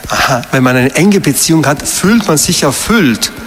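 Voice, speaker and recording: A man's voice: a little high, expressive, moderate pace, big-room sound. A man giving a sermon as a priest, emphatic and asking his listeners questions. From Meran, South Tyrol.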